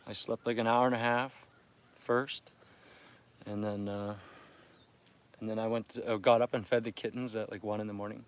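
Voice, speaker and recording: Lowish and level, his voice moves at a moderate pace with long pauses, and there's slight background noise. He's a Canadian fishing livestreamer in his 30s, tired from little sleep, chatting quietly and laughing often with viewers by a lake near a campsite at dawn via his phone.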